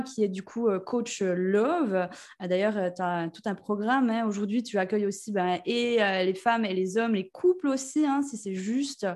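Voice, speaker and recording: A woman podcast host with a Swiss French accent from the Jura, chatting casually and lively, with many fillers. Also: a little high. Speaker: podcast host, nutrition therapist. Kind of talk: casual interview chat.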